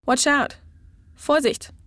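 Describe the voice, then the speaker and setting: Female tutor, clear deliberate delivery, dry close sound, for phrase-lesson reads. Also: high-pitched, steady tone, a bit bright, no room sound. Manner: clear, measured model pronunciation. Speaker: language tutor.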